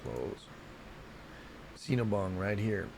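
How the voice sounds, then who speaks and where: Gravelly-voiced man rambling through news. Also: lowish voice, big pitch swings, takes it slowly, noisy background. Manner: rambling, chatty, stumbles over place names. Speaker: show host. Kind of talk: casual solo volcano news report.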